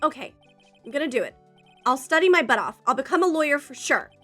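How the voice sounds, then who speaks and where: A woman's voice: high-pitched, expressive, moderate pace, bright, forceful tone, soft background music. A woman voicing a naive, earnest young male college student, speaking eagerly and with hesitant stammers. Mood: determined.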